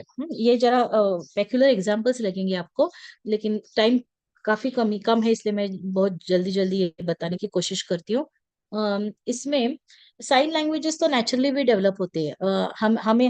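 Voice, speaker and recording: A woman's voice: on the high side, a little mellow, no echo. A woman giving an online lecture in a mix of Hindi and English, hesitant, with many fillers and restarts.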